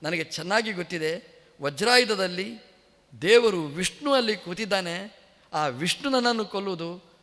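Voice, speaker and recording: Man doing a fearless demon king, defiant, proud, high bright voice, echoey temple hall. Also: animated, normal speed, pauses often. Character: fearless demon king facing his death in battle.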